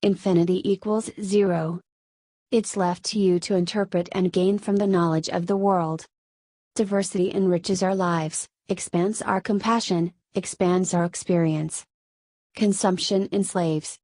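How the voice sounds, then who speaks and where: A woman as a calm, mellow spirit of light. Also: fairly low pitch, a little slow, no echo. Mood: earnest. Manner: calm, earnest, solemn appeals. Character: serene female spirit of light and hope. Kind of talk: dramatic spoken-word monologue.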